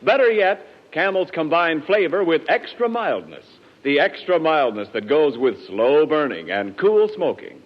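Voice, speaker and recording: A man's voice: a little high, big pitch swings. Persuasive 1940s radio announcer man. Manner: brisk, persuasive. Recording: dull 1940s radio broadcast in a hall.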